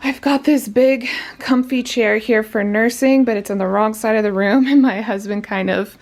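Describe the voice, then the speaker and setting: In her bedroom at home, a pregnant woman chats casually on a vlog, a little short of breath. Her voice is on the high side and darkish, with a steady tone and moderate pace, and she's chatty and upbeat, laughing often.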